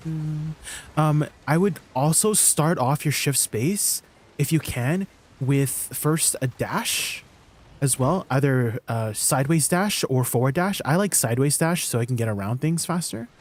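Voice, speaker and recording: Live-streaming a game, a Canadian-raised man whose first language is Tagalog chats casually and laughs often. His voice sits a little high and sounds expressive, moving at a measured pace. He walks through the controls with plenty of ums, mixing easy chatter with gameplay tips.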